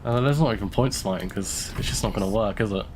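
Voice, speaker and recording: With a fairly low voice and quick pace over a noisy background, this young man offers casual gameplay commentary during a live stream. He has a London English accent from the United Kingdom, sounds congested from a cold, talks a lot, laughs often, and thinks aloud.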